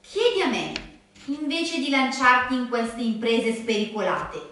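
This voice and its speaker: A woman voicing a caring, protective female creature friend in a storybook tale, scolding kindly in a lively voice. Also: a little high, measured pace. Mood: relieved, fond scolding. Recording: very echoey room.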